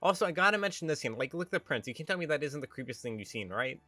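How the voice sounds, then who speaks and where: A man's voice: on the high side, expressive, racing. A man giving a comedic, scripted movie review as a voice-over, sarcastic and exasperated, often ranting. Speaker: video reviewer.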